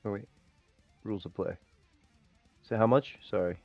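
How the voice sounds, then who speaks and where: A man's voice: fairly low pitch, normal speed, vocal fry, dry recording, dull audio, soft background music. A man acting as game master, explaining dice rules in a loose, rambling way. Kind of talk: running a tabletop game on stream.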